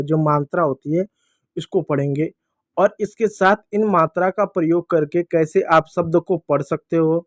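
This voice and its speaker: A man teaching a Hindi alphabet lesson to children, patiently repeating each sound slowly for them to copy. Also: fairly high pitch, dry recording.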